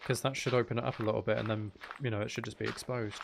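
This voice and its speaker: A Minecraft video creator gives casual, rambling commentary, thinking aloud while playing. His medium-pitched, creaky voice stays level and moves very fast over a noisy background.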